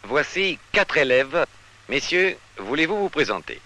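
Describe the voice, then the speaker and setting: A man's voice: a little high, very animated, unhurried, sharp tone. A man interviewing people as a reporter, asking probing questions on a 1960s report. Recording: old 1960s film sound, noisy.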